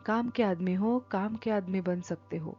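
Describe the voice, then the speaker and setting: A woman's voice: medium pitch, measured pace, lightly acted. A woman voicing a short, hunchbacked man who speaks in a curt, commanding tone, in a storybook reading. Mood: flat. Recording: dull lo-fi with faint music.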